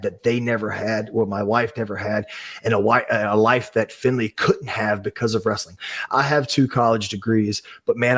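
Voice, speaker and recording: A man in his thirties with a low voice, speaking with a husky, slightly breathy grain. He is a guest on a podcast, telling a story earnestly and with feeling, and he swears freely. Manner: earnest, profane, emotional. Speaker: professional wrestler, guest.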